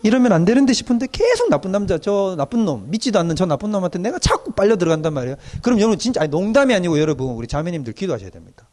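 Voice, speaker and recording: A middle-aged male pastor preaches a doctrine lecture. His voice sits high for a man and swings widely in pitch. He acts out the people he quotes as he goes. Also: very fast, few pauses. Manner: animated, acts out quoted young people in dialect.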